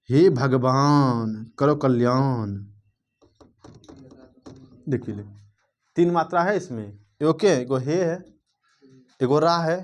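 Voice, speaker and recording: A man teaching a grammar class, firing repeated questions at students and checking "clear?" often, sometimes drawling words out to show their length. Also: fairly high pitch.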